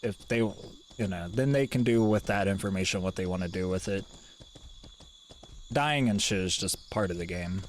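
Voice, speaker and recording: A man's voice: low-pitched, moderate pace, a little hiss or hum. A man streaming a game live, talking in a laid-back, rambling way and swearing casually.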